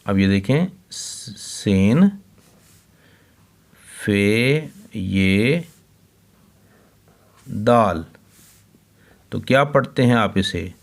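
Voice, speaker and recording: A man, teaching children to read. He talks at a very slow, deliberate pace in a lowish voice. He spells each word letter by letter and says it twice. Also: animated. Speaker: Urdu teacher.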